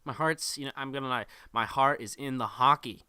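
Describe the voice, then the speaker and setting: A man's voice: medium pitch, brisk, background noise. A man co-hosting a casual podcast, reading sports updates and chatting in a loose, jokey way. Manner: loose, jokey delivery with laughs and playful bits. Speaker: podcast co-host.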